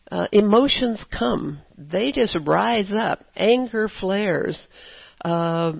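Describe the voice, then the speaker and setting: A woman preaching a sermon in a conversational, storytelling way with animated asides. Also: fairly low pitch, vocal fry, breathy edge, dry recording, dull audio.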